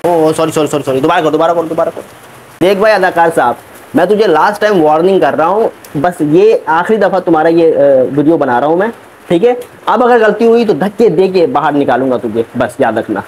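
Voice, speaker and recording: Brief: man as an exasperated film director, high-pitched, scolding, barking slow cues. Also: lively intonation, a little mellow, slight background noise, close to an everyday voice, rough recording. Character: impatient shouting male film director, adult. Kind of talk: comic short film acting.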